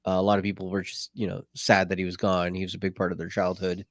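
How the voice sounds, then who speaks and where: A man's voice: deep voice, monotone, quick pace, no room sound, clean studio sound. A man hosting a podcast, running segments in an easygoing way with lots of agreeing. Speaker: podcast host. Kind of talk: casual podcast chat.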